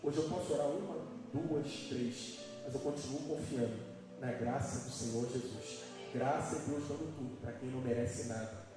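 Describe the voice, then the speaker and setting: A pastor preaches a live sermon in a church hall, speaking emphatically and putting questions to his congregation. His voice is medium in pitch at a normal speed. The audio is echoey and distant, with music playing behind him.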